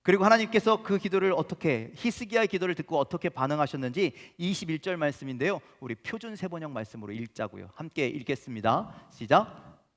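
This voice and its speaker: A male pastor preaching an animated sermon, his somewhat high voice bursting into loud emphatic rises. His voice rings through the sanctuary with long church reverb. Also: a little fast.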